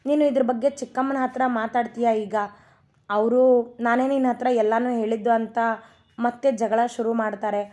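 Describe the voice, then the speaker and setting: A woman's voice: a little high, fairly even intonation, moderate pace, warm tone, lightly acted. A woman voicing a worried young wife who talks in a hesitant, pleading way in a read-aloud love story. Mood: tearful.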